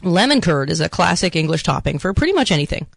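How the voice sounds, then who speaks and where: A woman's voice: on the low side, very animated, fast, gravelly, dry recording. A woman co-hosting a casual podcast chat, talkative and playfully bossy as she gives opinions and tips. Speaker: podcast co-host.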